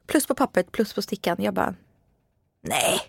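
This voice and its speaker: A woman's voice: mid-range voice, creaky, breathy edge, no echo, studio quality. Chatty woman in her thirties. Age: 30s. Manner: chatty, lively retelling with quoted asides. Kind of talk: casual storytelling chat.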